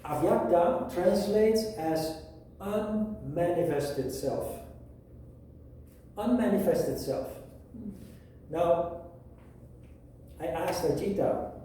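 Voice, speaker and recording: A man teaching a yoga philosophy lesson, explaining at a whiteboard in a measured way with pauses. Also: on the high side, mellow, a little hiss or hum. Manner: slow, measured, with pauses and restarts. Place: room with a whiteboard. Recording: echoey room, mic at a distance.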